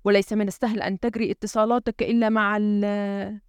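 A woman's voice: medium pitch, level tone, a little fast, clear, resonant tone, dry recording, clean studio sound, natural voice. A woman reading an audiobook, voicing a frustrated male president who gives urgent orders. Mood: tense. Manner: urgent, commanding. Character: tense, frustrated male head of state.

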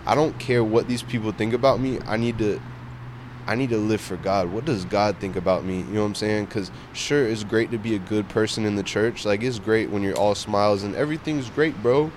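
Casting: man, low register, loose slangy conversational delivery on faith, light street noise behind. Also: a little fast. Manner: informal slangy talk, peppered with "bro" and "you know what I'm saying". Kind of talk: casual faith discussion.

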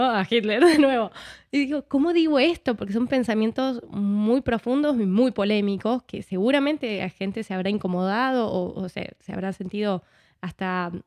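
A woman's voice: on the high side, darkish tone, no echo, studio quality. A woman from Argentina, an actress, talking casually in a conversation and often tagging her thoughts with "¿no?". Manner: chatty, frequent "¿no?", switches accents. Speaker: actress, guest.

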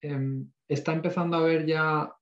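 A man with a fairly high voice speaks as a panelist in a reflective, informal way. He often checks in with tag questions. The recording is very roomy and a little muffled. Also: fairly even intonation, moderate pace. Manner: reflective, frequent tag questions and English tech terms. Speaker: panel participant. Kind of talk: informal expert discussion. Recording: echoey room, dull lo-fi audio.

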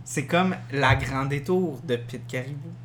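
A man with a Québécois French accent, tipsy, teasing and animated as he co-hosts a casual film podcast. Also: mid-range voice, measured pace, a little hiss or hum. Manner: animated, teasing, laughs often. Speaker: podcast co-host.

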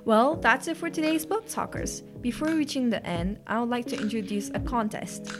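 A woman narrating classic fairy tales as a podcast host, in a clear, gentle storytelling manner. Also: fairly high pitch, expressive, normal speed, music in the background.

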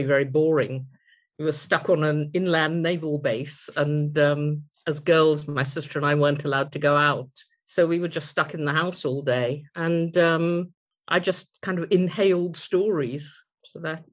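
A woman in her sixties from India, a writer and storyteller, recalling her childhood in a reflective way with many pauses. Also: sits low. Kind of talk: personal storytelling interview.

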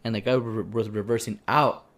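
A man's voice: on the low side, fairly quick, slight background noise. A man on a casual podcast, telling a story with acted-out quotes and frequent laughter. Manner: animated storytelling, acts out quotes, laughs often. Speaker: podcast co-host. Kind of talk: casual chat.

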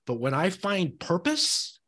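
A man's voice: sits high, wildly swooping pitch, slow, bright, forceful tone, slightly rough. A man co-hosting a podcast in casual discussion, upbeat and motivational, laughing easily. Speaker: podcast co-host.

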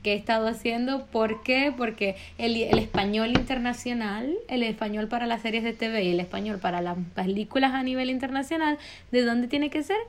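A Venezuelan woman hosts a podcast in easy, casual chat. Her voice sits somewhat high. She is talkative and teases her co-host. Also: a little fast, slight background noise. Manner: teasing, talkative.

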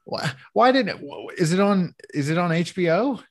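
A man co-hosting a podcast in casual, profane chat. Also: moderate pace. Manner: laid-back, swears, lively pitch swings. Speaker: podcast co-host.

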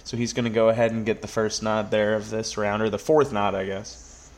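A man's voice: fairly low pitch, fairly even intonation, fairly quick. Wry man in casual podcast banter. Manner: wry, mock-formal phrasing mixed with swearing. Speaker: podcast co-host. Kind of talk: casual banter, fantasy draft commentary.

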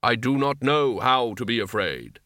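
A man voicing Death, an ancient, solemn and literal male reaper, speaking slowly and gravely in an audiobook reading. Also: mid-range voice, lively intonation, sharp tone, no echo, clean studio sound. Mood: calm. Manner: slow, measured, grave delivery.

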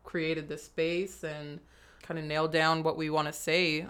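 A woman's voice: deep voice, level tone, measured pace, a bit bright, clear, resonant tone. A young woman with an American accent co-hosting a podcast in casual, slangy, informal chat. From San Francisco Bay Area, USA. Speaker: podcast co-host.

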